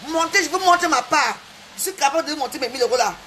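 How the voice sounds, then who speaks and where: A woman's voice: high-pitched, lively intonation, fast talker, fairly bright tone, slight background noise. A woman on a livestream, boasting and mocking her rivals in a repetitive, taunting rant. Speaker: social media livestreamer.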